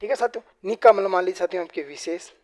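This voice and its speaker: A man with a high voice teaches grammar for an exam class. He keeps asking a question and answering it himself, and drops the same address to his viewers into almost every phrase. He speaks slowly when he reads out example sentences. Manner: repeats "साथियों" and "बिल्कुल" constantly; slows down to read example sentences aloud. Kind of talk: exam-prep grammar lesson.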